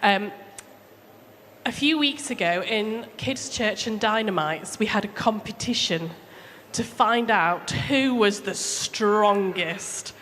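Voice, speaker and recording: In a church hall during a service, a woman tells children a story in a chatty, simple way, addressing them plainly and asking them questions. Her mid-range voice is a bit bright and unhurried. The hall is echoey, with background noise.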